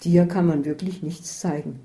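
Woman reading a level-headed traveler, patient and down to earth, with a dark tone. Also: on the low side, steady tone, moderate pace, close to an everyday voice, low-quality recording. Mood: matter-of-fact. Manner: patient and matter-of-fact. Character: calm, capable woman, enthusiastic traveler.

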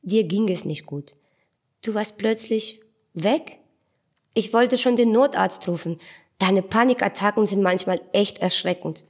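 A woman voicing a gentle, caring but weary man with a soft, hushed voice in an audiobook. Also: mid-range voice, unhurried, slightly rough. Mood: worried.

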